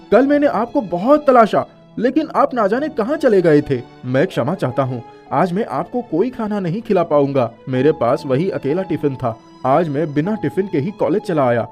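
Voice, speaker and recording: A performer voices a young male college student in a moral story cartoon, making him earnest, kind-hearted, polite and expressive. The pitch is medium, close to an everyday speaking voice.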